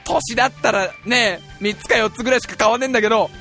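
A man in his twenties hosting a talk show, telling a self-deprecating story in an exaggerated, animated way. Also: extremely high pitch, fast, soft background music. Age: 20s. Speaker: radio show host. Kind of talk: comedic storytelling monologue.

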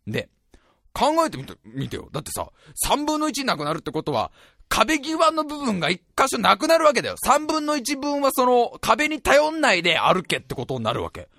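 A man in his twenties hosting a talk show, telling a self-deprecating story in an exaggerated, animated way. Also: very high-pitched, fairly quick, vocal fry, no echo, studio quality. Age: 20s. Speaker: radio show host. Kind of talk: comedic storytelling monologue.

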